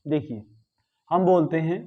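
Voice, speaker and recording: Man, high voice, grammar teacher, slow repeated words, dull lo-fi sound. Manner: repeats words slowly to correct pronunciation, asks "ठीक है?". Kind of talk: spoken lesson.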